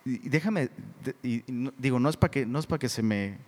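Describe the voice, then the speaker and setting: Casual Mexican preacher, lively, reverberant hall. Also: male voice, medium pitch, a little fast. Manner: casual, animated, says "bro" a lot. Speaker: pastor. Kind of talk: sermon. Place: church hall.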